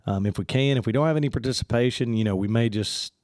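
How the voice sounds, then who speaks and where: This man hosts a church podcast in a medium-pitched, darkish voice, captured with studio quality and no room sound. Friendly but halting, he chats casually with many fillers and sounds stuffed up.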